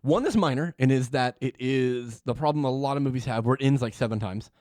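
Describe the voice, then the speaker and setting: A man's voice: mid-range voice, a little fast, darkish tone, no echo, studio quality. A young man co-hosting a podcast, talking in a frank, easygoing way and laughing often. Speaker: podcast co-host. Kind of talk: casual chat.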